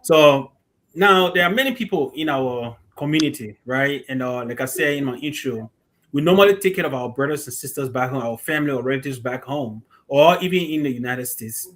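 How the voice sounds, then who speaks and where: A man's voice: medium pitch, brisk, a bit bright, slight background noise. A man hosting an interview, addressing his guest as a brother and restarting phrases. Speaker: host.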